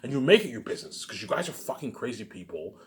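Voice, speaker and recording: A self-published writer who vlogs rants alone to his viewers, rambling, swearing and boasting while circling back to the same words. He keeps tacking on "obviously." His mid-range voice swings widely in pitch, and he talks fast.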